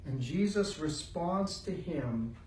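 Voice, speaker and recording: A man's voice: a little high, lively intonation, slow pace, a little mellow, slight background noise. A man teaching a Bible study, driving his points home through repeated phrases. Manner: emphatic, repeats phrases for weight. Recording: roomy sound from a distant mic.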